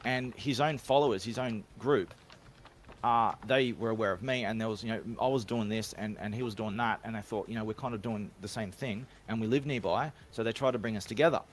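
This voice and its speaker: Speaking briskly in a lowish voice, this Australian man is a remote guest on a podcast, recorded on a home mic with a little hiss or hum. His casual storytelling rambles along confidently, broken up by frequent restarts.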